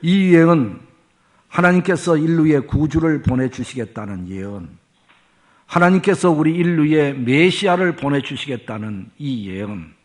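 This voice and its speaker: A man preaching a sermon, telling a story and then teaching in a measured way that rises for emphasis. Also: fairly high pitch, animated. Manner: measured preaching with rising emphasis and drawn-out pauses. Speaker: pastor.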